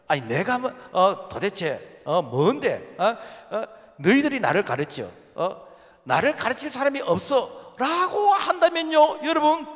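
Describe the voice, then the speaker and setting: Man pastor preaching sunday sermon, keeps asking eh?, high voice, reverby sanctuary. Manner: rhetorical questions with frequent "eh?" prompts; dramatic, rising to near shouts. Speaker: senior pastor. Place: church sanctuary. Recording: long church-hall reverb.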